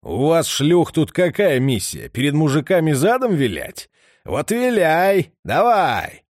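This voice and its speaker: A crude, menacing heavyset man, as a male reader puts him on. He talks in a coarse, leering growl that swings widely from sullen lows to roaring highs. The recording is dry and close, with no room around it. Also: huge pitch swings, normal speed, darkish tone, no room sound. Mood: furious. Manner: growling, aggressive.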